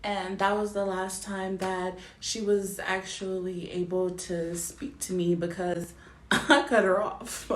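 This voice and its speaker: In a casual storytelling rant to camera, a vlogger in her twenties talks to viewers bluntly and emphatically, swearing freely and often asking if they follow her. Her medium-pitched voice barely moves in pitch and she takes it slowly. The recording has a roomy echo.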